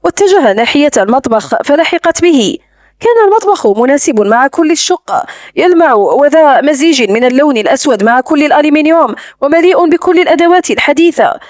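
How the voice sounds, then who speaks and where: High-voiced woman narrating a romance audiobook. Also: lively intonation, fairly quick, a little mellow, no room sound, clean studio sound. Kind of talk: scripted romance novel narration.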